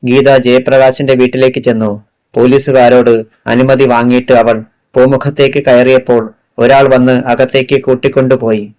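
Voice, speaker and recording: A man narrating a crime thriller audiobook in a steady, measured way. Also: medium pitch, rough recording.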